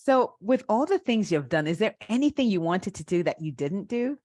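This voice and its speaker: A woman's voice: medium pitch, big pitch swings, moderate pace, a little mellow, no room sound, clean studio sound. A woman hosting a conversational interview, encouraging and affirming as she listens and asks questions. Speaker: interviewer, host.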